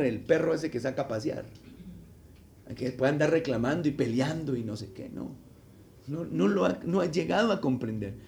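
Animated man preaching a sermon. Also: fairly high pitch, vocal fry, slight background noise. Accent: Latin American Spanish. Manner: preaching with rhetorical questions and quoted prayers. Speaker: pastor.

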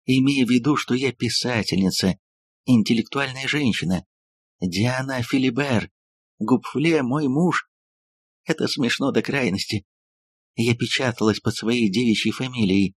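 A man's voice: mid-range voice, measured pace, long pauses, husky, no echo. A man reading an audiobook, voicing a passionate, theatrical woman novelist who gushes breathlessly to her lover. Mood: exalted.

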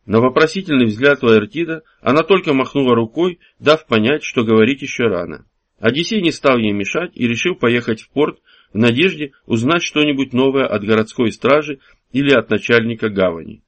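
Measured male audiobook narrator. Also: mid-range voice, animated, lo-fi sound. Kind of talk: scripted narration.

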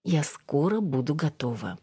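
A woman's voice: deep voice, big pitch swings, moderate pace, mellow, breathy edge, no room sound, studio quality, heavily acted. A woman voicing a cool, teasing young woman who purrs her lines in an audiobook. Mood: soothing. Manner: purring, coolly teasing.

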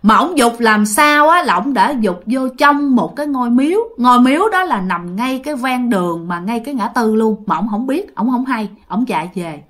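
A woman's voice: a little high, lively intonation, moderate pace, few pauses, a bit bright. A woman with a Southern Vietnamese accent telling a ghost story in a chatty way, addressing her listeners directly.

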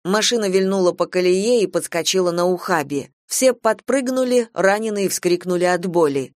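A woman narrating an audiobook in a steady storytelling manner. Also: fairly low pitch, normal speed, no room sound, studio quality. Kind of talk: scripted narration.

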